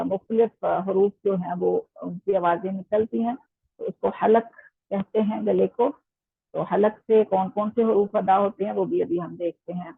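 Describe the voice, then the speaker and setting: Husky-voiced woman teaching over a tinny line. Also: mid-range voice, dry recording. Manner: patient explaining with many pauses and fillers. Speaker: Quran recitation teacher. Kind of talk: online tajweed lesson.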